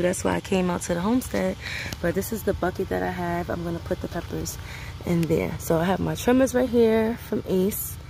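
A woman with a lowish, creaky, dark-toned voice talks over a slight hiss or hum. She's a Brooklyn, New York City homestead vlogger picking peppers in a sunny outdoor garden, filming on her phone and chatting to viewers as "guys."

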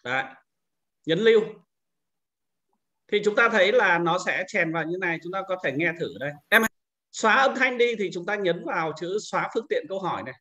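A man giving a patient, step-by-step screen-recorded software tutorial to teachers, explaining each click as he goes. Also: high voice, expressive, fairly quick, muffled recording. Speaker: teacher trainer.

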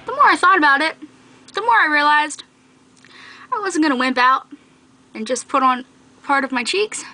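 With a high, bright and forceful voice at a moderate pace, a young adult vlogger chats to camera in a playful, teasing way. The setting is a small bedroom, recorded on the camera's mic with noisy, webcam-style quality.

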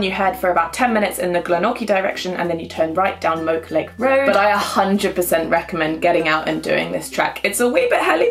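A young woman, giving upbeat, chatty travel tips to camera from a small bedroom. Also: medium pitch. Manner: upbeat, chatty, enthusiastic recommendations. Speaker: travel vlogger.

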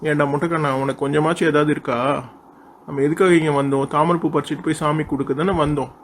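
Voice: medium pitch, steady tone, fast talker, a little hiss or hum, pitched below the performer's own voice, lightly acted. A cartoon voice artist playing a stern grown man who scolds his friend and hurries him along. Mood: scolding. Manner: scolding, bossy.

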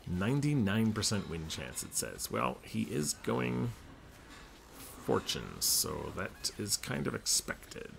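A man's voice: lowish voice, creaky, background noise. A man giving casual commentary while he plays a game, thinking aloud and muttering to himself. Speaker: gaming streamer.

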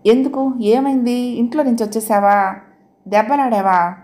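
A woman reading as a young woman friend in an audio novel. She is startled and eager, and she fires off questions. The reader's voice sits fairly high. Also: steady tone, moderate pace, darkish tone, lightly acted. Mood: anxious.

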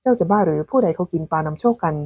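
Woman voicing a deadpan teasing young eunuch. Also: fairly low pitch, rapid-fire, vocal fry, husky, no room sound, exaggerated voice.

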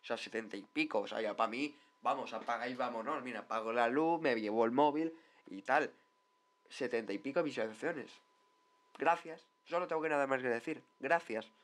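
A man's voice: mid-range voice, brisk, fairly bright tone. A man giving a casual, rambling commentary on football mascots, full of tag questions and repeated words. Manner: rambling, chatty, lots of tag questions and repetitions. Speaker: football vlogger reviewing mascots.

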